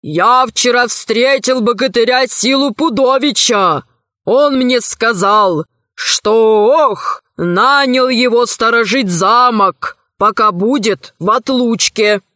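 A woman voicing a grumpy, proud old male dragon in an audiobook, speaking slowly and indignantly. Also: fairly high pitch, bright, forceful tone, no room sound, studio quality. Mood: matter-of-fact. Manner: slow, weighty and indignant. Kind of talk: audiobook character voice.

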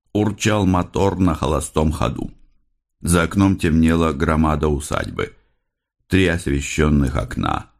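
A man narrating an audiobook in an expressive, dramatic reading. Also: rumbling low, creaky.

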